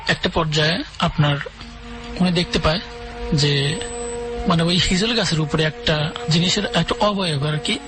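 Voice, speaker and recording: A man phones in to a radio show to tell ghost stories, speaking casually and hesitantly with lots of fillers and restarts. His voice is fairly high, his pace moderate, and he pauses often. Music plays underneath the radio broadcast.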